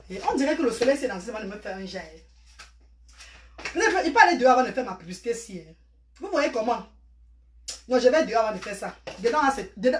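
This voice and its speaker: High-pitched woman hawking wares. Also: slight background noise. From Cameroon. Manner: loud, sing-song sales calls, chatty asides to commenters. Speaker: online seller on a live stream. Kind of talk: casual live-stream sales chat.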